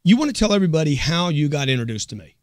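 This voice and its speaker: A man's voice: a little high, big pitch swings, rapid-fire, dry recording, clean studio sound. Pushy, hyped-up male talk host. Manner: loud, pushy, hyped salesman delivery. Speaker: show host. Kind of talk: energetic motivational talk show.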